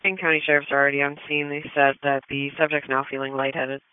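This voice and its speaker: A male police-style dispatcher speaks in terse, procedural radio phrases. His voice is fairly high and crisp, delivered fast, through a tinny two-way radio channel. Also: little pitch movement, dry recording.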